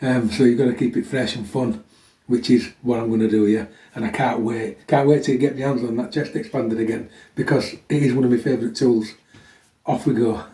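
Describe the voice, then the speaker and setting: Recorded from a distance in an echoey room, a middle-aged man introduces a workout to his viewers, talking bluntly and casually and tacking "yeah?" onto many sentences. He is recovering from a chest infection, so there's a slight chestiness to his warm, mid-range voice, which is brisk with fairly even intonation.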